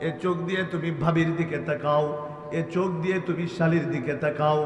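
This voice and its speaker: Sing-song preacher in an echoing hall. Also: male voice, on the high side, fairly even intonation, a little fast, slight background noise. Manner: melodic chanting of verses, rising to shouts; calls on the audience to answer aloud. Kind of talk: Islamic sermon. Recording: echoey hall, long reverb, PA sound.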